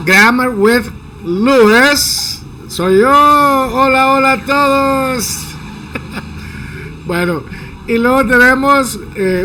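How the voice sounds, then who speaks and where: Man teaching English sounds slowly. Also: sits high, pushed and bright, slight background noise, poor audio. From Guatemala. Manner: slow, drawn-out demonstration of sounds, playful jokes. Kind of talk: casual spoken lesson.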